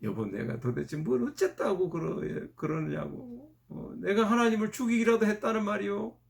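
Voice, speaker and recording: A man voicing a despairing middle-aged husband who shouts back at his wife. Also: sits high, animated, moderate pace, creaky, pitched above the performer's own voice. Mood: exasperated. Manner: shouting, exasperated.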